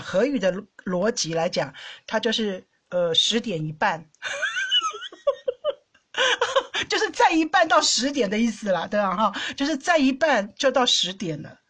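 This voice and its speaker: A woman hosting a podcast, telling everyday stories in a casual monologue, animated and often laughing, with many repeated words and restarts. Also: mid-range voice, slightly rough. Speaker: podcast host. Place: lives in the Netherlands.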